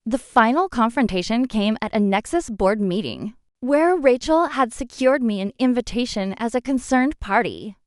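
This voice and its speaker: Woman, dramatic first-person narration, animated, higher voice, dry recording. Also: normal speed, hardly any pauses, dry recording. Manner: dramatic, expressive storytelling. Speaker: story narrator.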